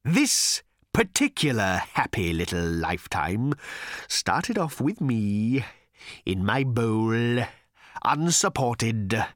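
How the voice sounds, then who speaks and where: Give me a vengeful creature that snarls and hisses slowly, as a man does the voice, bright edge, dry recording. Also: medium pitch, no echo, voice pushed up. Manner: snarling, hissing, slow and menacing. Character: bitter vengeful male creature, waddling, hateful. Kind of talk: audiobook character voice.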